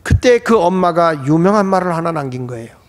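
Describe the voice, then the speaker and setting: A man's voice: a little high, lively intonation, brisk. A male pastor preaching a sermon emphatically, his voice swelling into exclamations, in a church sanctuary. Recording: echoey church hall.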